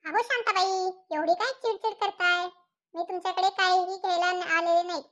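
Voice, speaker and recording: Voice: extremely high pitch, fairly even intonation, normal speed, bright, forceful tone. A performer voicing a boastful, bossy middle-aged village wife in a cartoon comedy. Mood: sweet-talking. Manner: bossy, showing off. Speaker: Kamalbai, housewife.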